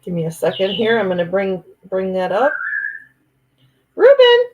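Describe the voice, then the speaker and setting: Tinny, narrow audio carries a medium-pitched woman's voice with huge pitch swings at normal speed. She's a livestream host from Wisconsin, USA, with an Upper Midwest accent, chatting casually and reading viewer comments aloud in an exclamatory, bubbly manner.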